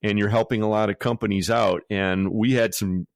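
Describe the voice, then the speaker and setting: Relaxed low-voiced male podcast host. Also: moderate pace, no echo. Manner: relaxed, rambling questions with fillers. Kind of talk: casual podcast interview.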